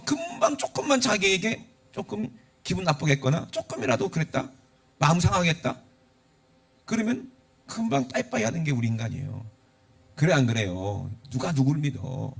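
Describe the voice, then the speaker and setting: Middle-aged pastor, gravelly, animated sermon delivery. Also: male voice, high voice. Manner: conversational preaching with rhetorical questions and acted quotes.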